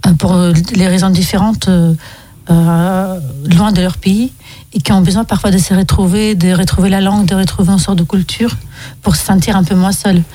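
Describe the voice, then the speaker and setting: A woman's voice: mid-range voice, level tone, normal speed, dark tone, no room sound. A young woman from Russia, a film director, answering radio interview questions with many hesitant ums.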